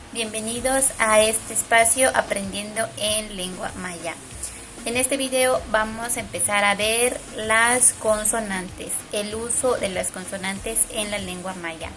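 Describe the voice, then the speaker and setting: A Mexican woman from Yucatán teaching Maya consonants in a casual video lesson, speaking slowly and repeating each example word with careful emphasis. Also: a little high, sharp tone, poor audio. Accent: Mexican Spanish. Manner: slow and careful, repeats and stresses Maya words.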